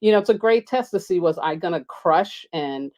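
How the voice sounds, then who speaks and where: At a moderate pace, a woman with a low pitch talks to her live-stream audience about astrology in a loose, warm, casual way. Her voice is loud, she laughs a lot and leaps upward when excitement hits, with the microphone resting on a table.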